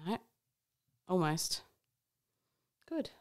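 A woman's voice: lowish voice, big pitch swings, drawn-out words, darkish tone. A woman co-hosting a podcast, trading jokes in casual chat and often breaking into giggles. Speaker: podcast co-host. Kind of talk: casual joke-telling chat. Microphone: studio microphone.

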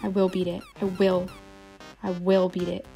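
A young woman doing casual let's-play commentary, loud and frustrated, swearing and shouting at the game. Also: on the low side, completely flat delivery, normal speed, creaky, faint music behind. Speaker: gaming YouTuber.

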